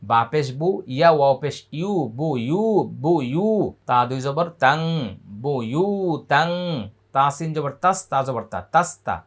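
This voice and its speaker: A man from Bangladesh teaching Quran reading, spelling syllables aloud and then chanting verses in a high, drawn-out recitation. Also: animated, fairly bright tone. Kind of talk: letter-by-letter Quran recitation lesson.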